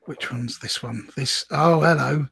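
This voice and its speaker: A man co-hosting a casual podcast, chatting through army lists with quick asides and bursts of laughter. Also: mid-range voice, creaky, a bit bright, husky, no room sound, clean studio sound. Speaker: podcast co-host. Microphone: remote call.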